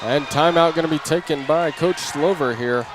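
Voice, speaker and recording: In an indoor gym during a basketball game, a male announcer with a fairly high voice gives live play-by-play at a normal speed. His running calls are short and clipped, and the live broadcast is noisy.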